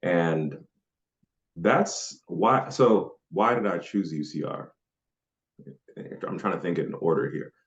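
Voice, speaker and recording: A man from Nigeria with a remarkably low, deep voice talks easily through an interview. He rambles a little and is full of fillers. The recording sounds dull and lo-fi. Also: takes it slowly, long pauses. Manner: relaxed and chatty, with frequent fillers and laughs. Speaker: podcast guest. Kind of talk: casual interview answers.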